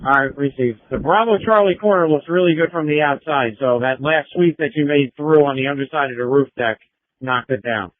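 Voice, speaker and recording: A man's voice: on the high side, a little fast, no room sound. A man working as a fire officer, giving clipped orders in fireground traffic over a two-way radio. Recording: tinny narrow-band fire radio.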